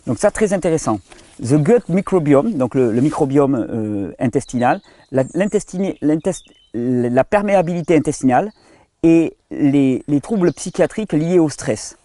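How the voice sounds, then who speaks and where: A French-speaking man hosting a health channel, explaining at length in a casual tone to the viewer, with frequent restarts and study titles read in halting English. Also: on the high side, expressive, mellow, no room sound. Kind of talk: explanatory monologue.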